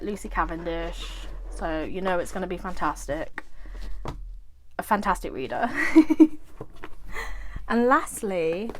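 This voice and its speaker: A woman's voice: fairly low pitch, fairly bright tone, slight background noise. A woman vlogger in casual show-and-tell chat about her tarot decks, gushing and chatty, full of "like" and praise.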